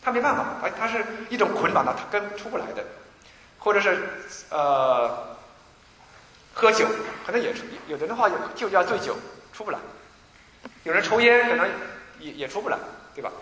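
Guy preaching in a big echoey hall, kinda high bright voice, lots of restarts. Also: fairly quick, a little hiss or hum. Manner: animated storytelling with many restarts and repeated words. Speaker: pastor. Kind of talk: sermon.

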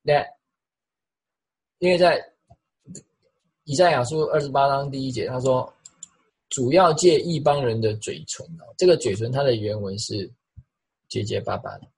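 A middle-aged male pastor giving an animated sermon, repeating phrases for emphasis and imitating the sounds he describes. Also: medium pitch, moderate pace, long pauses, breathy edge, poor audio.

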